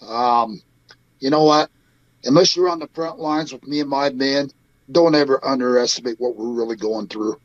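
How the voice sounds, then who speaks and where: A man's voice: mid-range voice, normal speed, dry recording, lo-fi sound. A man from Idaho, a guest on a talk show, telling stories emphatically and acting out what people said. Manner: emphatic storyteller, quotes people in lively bursts. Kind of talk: remote interview guest.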